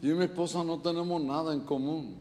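Joking Puerto Rican pastor preaching. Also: male voice, on the high side, fairly even intonation, darkish tone, slight background noise. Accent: Puerto Rican Spanish. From Puerto Rico. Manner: joking, storytelling, quick asides. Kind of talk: humorous sermon. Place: church service.

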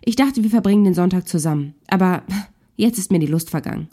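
A woman's voice: lowish voice, fast, natural voice. A woman voicing an angry, reproachful wife arguing with her husband. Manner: sharp, reproachful. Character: angry wife in a marital spat.

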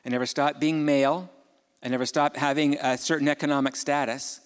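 A man's voice: on the high side, steady tone, brisk, clear, resonant tone. A man preaching a sermon in a conversational way, asking his listeners questions and adding casual asides. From Ukraine. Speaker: pastor. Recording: long hall reverb.

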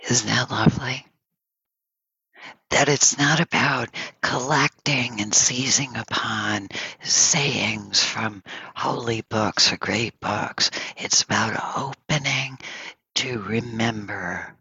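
Male meditation teacher, breathy half-whisper with a bright tone, dry close sound, slow pauses between phrases. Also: medium pitch, no echo, poor audio. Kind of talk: gentle guided dharma talk. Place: home, over an online session.

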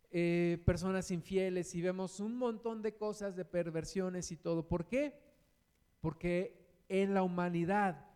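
A man with a Mexican accent preaching a sermon, slowing down to stress each quoted verse and asking rhetorical questions. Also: sits high, darkish tone, clear, resonant tone. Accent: Mexican Spanish.

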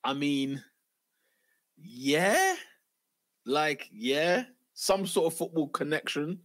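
A London-accented man hosts with casual, slangy banter, often repeating himself for emphasis. His voice sits fairly high and sounds close and dry. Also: sing-song, drawn-out words, fairly bright tone, no room sound. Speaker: podcast host.

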